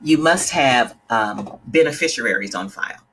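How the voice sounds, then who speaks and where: A woman's voice: extremely low pitch, animated, normal speed, a bit bright, a little hiss or hum. A middle-aged woman from the Bahamas, a life coach talking casually to her live-stream viewers in an earnest, direct way and greeting them by name. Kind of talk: casual livestream talk.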